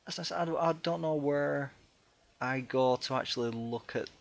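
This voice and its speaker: A man's voice: on the high side, normal speed, creaky. A man talking casually over his gameplay, hesitant and chatty, with many ums and restarts and a self-deprecating tone. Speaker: let's play gamer.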